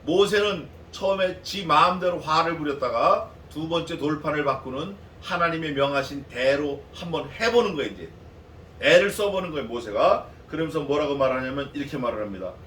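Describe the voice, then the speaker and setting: Captured from afar in an echoey church sanctuary with faint noise, a pastor delivers an expository sermon, conversationally asking the congregation rhetorical questions. His voice is fairly high and a bit bright, and he talks a little fast.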